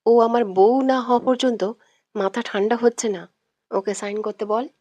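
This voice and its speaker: A woman's voice: a little high, steady tone, moderate pace, mellow, no room sound, lightly acted. A woman voicing a hot-tempered, bossy young man. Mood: threatening. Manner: curt, threatening, bossy.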